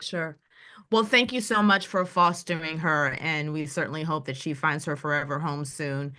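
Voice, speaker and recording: A woman's voice: deep voice, normal speed, sharp tone. A woman hosting a virtual dog adoption event, asking fosters questions in a friendly, upbeat way over a video call. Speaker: event host.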